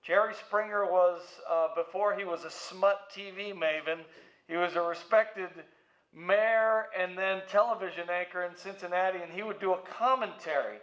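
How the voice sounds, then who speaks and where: At a normal speed, a middle-aged American man with a high, slightly bright voice tells anecdotes in a casual, playful way while being interviewed. He serves as a museum's president and CEO, and the echoey recording is slightly dull.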